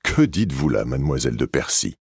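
A man's voice: very deep voice, big pitch swings, fast talker, gravelly, darkish tone, slightly rough, dry recording, clean studio sound, full character voice. A man reading an audiobook, voicing a courtly baron with formal, gallant manners. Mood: surprised.

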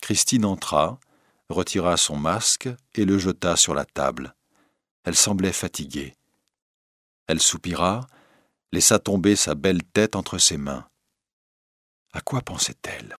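Male narrator, low-pitched, dry studio read, steady dramatic storytelling. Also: unhurried, long pauses, no room sound.

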